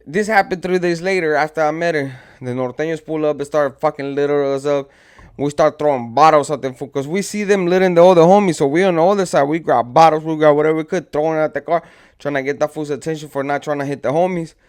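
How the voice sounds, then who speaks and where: A man with a clear, resonant, slightly high voice recounts something from his past in casual street slang. He talks fast and a little mellow, wandering from detail to detail and acting out his friends' words.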